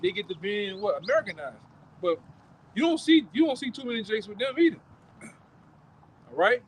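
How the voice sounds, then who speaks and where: A man, street preaching outdoors in a forceful, repetitive, profane way that keeps ending phrases with "man". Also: high voice, a little hiss or hum, low-quality recording. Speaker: street preacher leading the camp.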